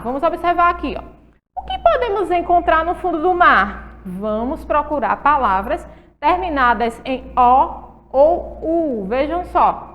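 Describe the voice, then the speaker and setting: A woman's voice: high voice, fairly bright tone, in a large hall. A Brazilian Portuguese-accented woman teaching a recorded lesson to young pupils, drawing out and repeating words in a sing-song way. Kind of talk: recorded school lesson for children.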